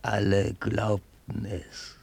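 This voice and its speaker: In a solemn German radio drama, a man voices a sly one-eyed servant reporting to his raja, heavily acted in a lowish, darkish, gravelly and husky voice. His tone stays level, grave and conspiratorial. The delivery is slow, measured and ceremonious, like archaic storytelling.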